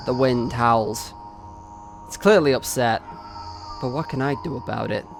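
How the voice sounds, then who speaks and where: A man reading a visual novel aloud in first person, slow and expressive, rising into anxious cries. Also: mid-range voice.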